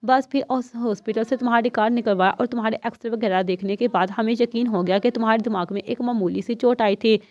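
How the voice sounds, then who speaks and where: A defiant young woman secret agent from a storybook, accusing and unbending, as a female reader voices her. Her voice is fairly high with a warm, mellow tone. The recording is dry and close but dull and slightly lo-fi. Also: few pauses, no echo, natural voice.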